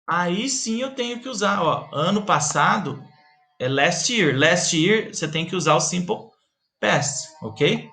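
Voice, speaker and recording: A man's voice: high voice, animated, measured pace, vocal fry, pushed and bright, roomy sound. A Brazilian man with a Brazilian Portuguese accent, teaching an English grammar lesson in an emphatic, repetitive way that keeps checking in with the viewer.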